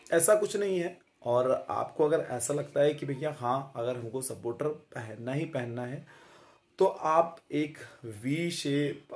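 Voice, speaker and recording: This fitness vlogger, a man in his thirties, has a medium-pitched, slightly mellow voice. Talking directly to camera in a chatty, casual way, he pauses often with filler sounds and tag questions, and a phone held close in a small room records him.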